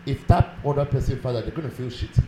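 A man's voice: medium pitch, quick pace, highs cut off. A man with a Nigerian accent in a casual group chat, earnestly explaining his view with worked examples. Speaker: panelist. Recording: echoey room with background noise.

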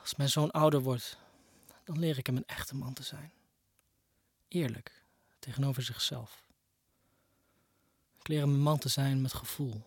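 A young man speaking a personal monologue to his ex-partner, moving between quiet reflection and raised, pained outbursts. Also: mid-range voice, steady tone, unhurried, long pauses, husky, no room sound, clean studio sound. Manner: emotional, addresses his ex-partner directly. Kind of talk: personal spoken-word monologue.

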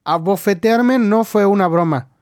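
A man voicing a frightened young woman who pleads in a high, strained voice in an audiobook story. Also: normal speed, a little mellow, no echo, studio quality. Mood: shocked angry.

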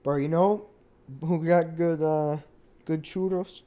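A man's voice: on the high side, fairly even intonation, slow pace, dark tone, clear, resonant tone. A young American man in casual, slangy banter with friends, peppering his talk with bro. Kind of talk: casual chat.

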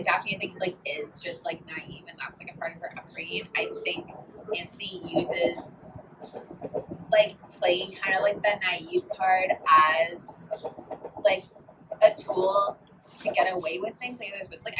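A woman's voice: on the low side, distant mic, background noise. A young woman co-hosting a podcast, rambling casually and filling every gap with "like". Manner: rambling, heavy use of "like". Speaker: podcast co-host. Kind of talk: casual chat.

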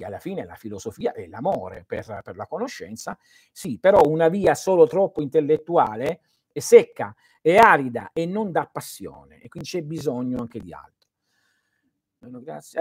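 A man's voice: mid-range voice, darkish tone, husky, no echo, clean studio sound. A man hosting a live stream as a spiritual teacher, answering viewers' questions in an earnest, didactic way and speaking straight to his listeners.

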